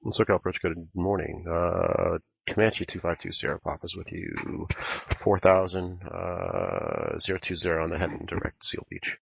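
A man's voice: low voice, animated, normal speed, creaky, few pauses, husky, dry recording. A man making clipped pilot radio calls over a cockpit-style headset in a flight simulation. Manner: clipped aviation phraseology. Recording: dull, band-limited radio audio.

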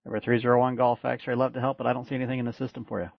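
A man working as an air traffic controller, reading out clearances in brisk, clipped phrasing over an aviation radio transmission. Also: medium pitch, little pitch movement, no echo. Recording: muffled dry radio audio.

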